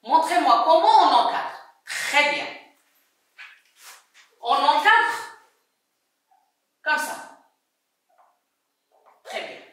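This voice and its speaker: A woman teacher leads a first-grade reading lesson at a very slow, patient pace. Her high, lively voice repeats each word and syllable for the children. She is heard at a distance in a strongly echoing room. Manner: slow, repeats words and syllables, praises often. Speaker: primary school teacher. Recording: echoey room, voice away from mic.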